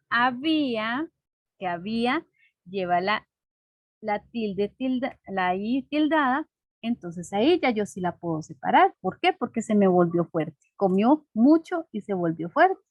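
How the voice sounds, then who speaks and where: A woman's voice: medium pitch, lively intonation, slow, no room sound. A woman teacher explaining a lesson patiently and simply, checking in with her class through frequent rhetorical questions.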